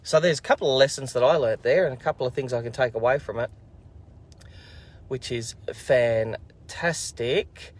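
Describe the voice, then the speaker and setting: Hosting a children's learning program, a man chats casually to camera in an upbeat, encouraging, rambling way. His voice sits in the mid range and he talks at a moderate pace.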